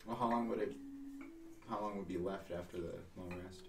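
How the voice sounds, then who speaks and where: A man's voice: deep voice, fairly quick. A man in his twenties talking casually as a player in a tabletop game. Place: indoor panelled room, around a table. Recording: echoey room, distant mic, music behind.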